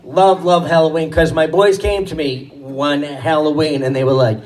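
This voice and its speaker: A man doing stand-up, telling animated stories about his kids and acting out their voices. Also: fairly high pitch, moderate pace. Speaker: stand-up comedian and father. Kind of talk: stand-up storytelling. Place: comedy stage before a live crowd. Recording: distant stage mic, audience laughing.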